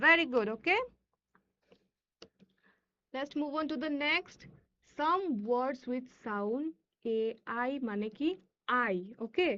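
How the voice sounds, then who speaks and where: A woman English teacher with a Bengali accent and Bengali as her first language, teaching children, reading words slowly and deliberately with quicker asides. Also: high-pitched, bright, forceful tone, muffled recording. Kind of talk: classroom lesson for children.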